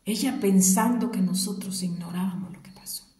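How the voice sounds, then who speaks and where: A woman telling a grieving personal story to her listeners, mostly in a hushed whisper. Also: mid-range voice, moderate pace, roomy sound. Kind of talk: personal story told to an audience.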